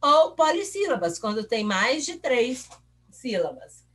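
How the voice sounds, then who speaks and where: A woman teacher walks young pupils through a review lesson, patient and encouraging. Her voice sits fairly high and swoops lively up and down. She drags out example words slowly, syllable by syllable. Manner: patient, encouraging, asks the class questions.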